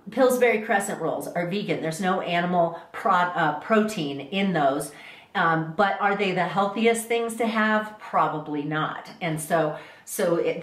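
A middle-aged woman vlogging casually to camera, chatty and rambling with frequent restarts. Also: mid-range voice. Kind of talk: casual talking-to-camera vlog. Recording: echoey room.

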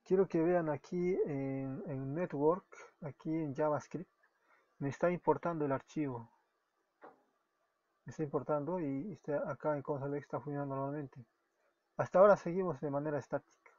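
A man's voice: a little high, steady tone, normal speed, dark tone, dry recording. A man from Peru with a Peruvian Spanish accent walks through a coding tutorial step by step, often correcting himself. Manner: explains step by step, self-correcting, often apologizing. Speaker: web development tutor. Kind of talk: screen-recorded coding tutorial. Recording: dull lo-fi recording with keyboard typing.

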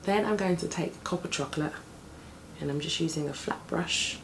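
Vocal fry colors the morning voice of this thirty-something beauty vlogger, deeper than usual as she chats at normal speed through a casual makeup tutorial, applying as she talks. A desk camera records her up close in her flat, and plane and street noise come through the open window.

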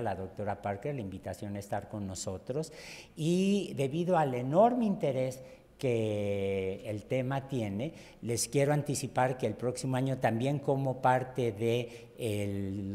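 A man's voice: medium pitch, a little mellow. Older Mexican man in an echoey hall. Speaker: host introducing a speaker. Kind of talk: informal spoken introduction at a public talk. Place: large auditorium at a podium. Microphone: podium microphone. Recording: echoey auditorium.

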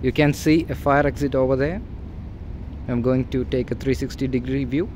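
The audio, from a phone held by the person filming, carries a little hiss or hum as a real estate agent leads a tour of a large empty warehouse. He has a medium-pitched, slightly mellow voice with fairly even intonation and a normal pace, and he plainly, repeatedly points out the space's features.

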